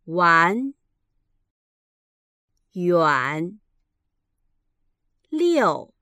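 A woman reading textbook pronunciation drills, enunciating each word carefully with a pause between them. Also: on the low side, very animated, bright, forceful tone, clean tone, no room sound, clean studio sound. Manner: carefully enunciated, each syllable held apart. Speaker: language teacher reading drills.

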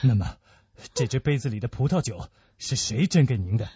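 A man voicing a grave, brooding musketeer who speaks in a low, hushed, heavy way. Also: animated, brisk, slightly rough, no room sound. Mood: grim. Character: grave older male musketeer, grim and brooding. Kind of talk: Chinese radio-play acting. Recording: dull lo-fi dry recording.

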